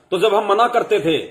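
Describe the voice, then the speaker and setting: A young man giving a heated devotional sermon to fellow followers, scolding them with rhetorical questions. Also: high-pitched.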